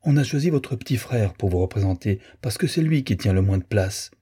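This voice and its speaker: A man's voice: on the low side, expressive, fairly quick, husky. A man voicing a gracious, tactful woman hosting children in an audiobook. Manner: tactful and gentle. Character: gracious diplomatic grown woman hostess.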